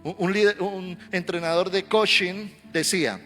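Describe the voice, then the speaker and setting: A male pastor preaching a sermon, telling stories animatedly and swelling into loud exhortation. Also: high voice, steady tone, moderate pace. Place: church sanctuary. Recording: reverberant hall with faint music.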